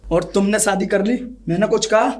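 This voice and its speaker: A woman playing a young man who tries to hush and send away the lover carrying his child, defensive and snapping in a family drama. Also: medium pitch, moderate pace, lightly acted. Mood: dismissive. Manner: defensive, hushed then snapping. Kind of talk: hobby family drama acting.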